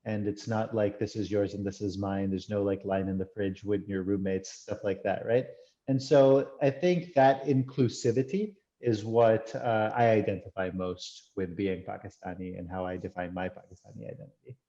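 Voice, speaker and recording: A man's voice: fairly low pitch, fairly even intonation, moderate pace, dark tone, highs cut off. A man from the United States, a guest tech executive, speaking on a video call. He talks hesitantly and repeats "like" a lot. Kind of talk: casual video-call chat.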